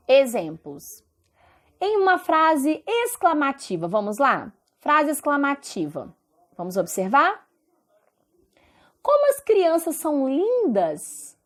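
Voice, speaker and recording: Lively high-voiced woman teacher. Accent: Brazilian Portuguese. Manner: explains slowly, asks rhetorical questions. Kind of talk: recorded online lesson.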